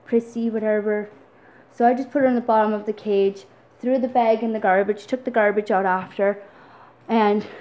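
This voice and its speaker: A woman's voice: mid-range voice, darkish tone, poor audio. A young adult woman vlogging casually, tearful and rambling, with lots of fillers as she tells a story.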